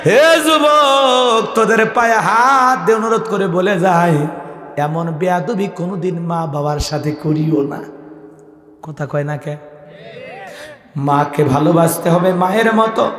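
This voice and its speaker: A man preacher who tells stories in a sing-song sermon style, swinging between high calls and low asides. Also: measured pace, long pauses, fairly bright tone. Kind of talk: Islamic sermon storytelling. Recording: echoey hall with long reverb.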